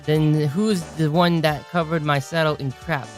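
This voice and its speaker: A woman voicing a gruff, tough-talking biker in an amateur fan dub of a video game, with slangy, threatening speech. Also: low-pitched, steady tone, a little slow, faint music behind. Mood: menacing. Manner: threatening, slangy street talk.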